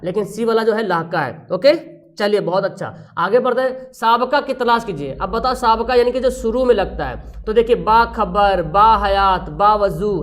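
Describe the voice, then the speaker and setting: An online tutor, teaching a live grammar class. Asks questions and answers them, repeats key terms, and reads out viewers' names with praise. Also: mid-range voice.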